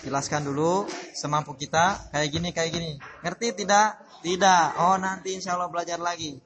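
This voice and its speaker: A man's voice: on the high side, steady tone, moderate pace, a crowd in the background. A man teaching Quran recitation in a study-circle lesson, explaining patiently, repeating his points and putting questions to his class. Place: religious boarding school classroom.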